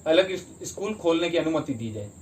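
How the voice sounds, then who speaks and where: A man's voice: on the high side, lively intonation, a little fast, darkish tone, a little hiss or hum. A man teaching a history lesson for exam prep in Hindi, explaining step by step and asking and answering his own questions.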